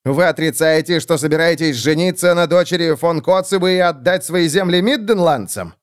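A man's voice: fairly high pitch, normal speed, smooth, voice pushed up, lightly acted. Man doing a proud, quarrelsome noble lord. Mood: accusing.

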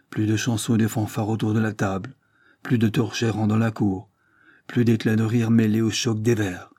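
A man narrates a classic novel in a steady, even storytelling manner. His voice is dark and mellow with a husky grain. The recording is dry and close. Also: medium pitch, dry recording. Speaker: audiobook narrator. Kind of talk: literary audiobook narration.

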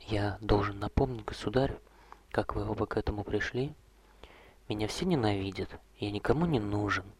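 A man doing a hushed old vampire courtier. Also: on the low side, a little hiss or hum, lightly acted. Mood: calm. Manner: soft, slow, hushed, often whispered. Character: old male vampire courtier, gentle, weary, ironic.

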